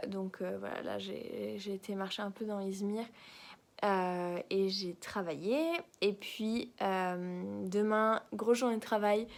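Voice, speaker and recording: A young woman who is a doctoral student records a casual video diary in a hotel room, speaking French, which is not her first language. Her voice is mid-range, and she hesitates and searches for words, laughing lightly.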